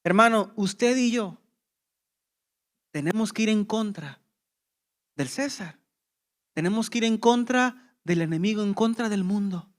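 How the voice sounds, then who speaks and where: A man's voice: high voice, measured pace, pauses often. A man preaching a sermon as pastor, with impassioned emphasis and rhetorical questions to the congregation.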